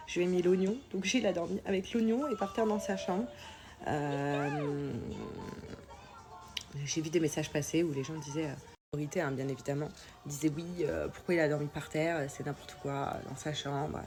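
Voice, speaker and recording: A woman's voice: deep voice, steady tone, moderate pace, music in the background. A young woman vlogging casually as a mother, speaking informally and hesitantly, with a nasal, congested voice and a sore throat as she comes down with a cold. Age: young adult. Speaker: mother vlogging about family life. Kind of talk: casual chat to followers.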